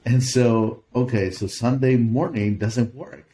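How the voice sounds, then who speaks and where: A man's voice: medium pitch, unhurried, dark tone, a little hiss or hum. A middle-aged man from Peru, a native Spanish speaker, answering interview questions in an earnest way, often restarting his sentences. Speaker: pastor.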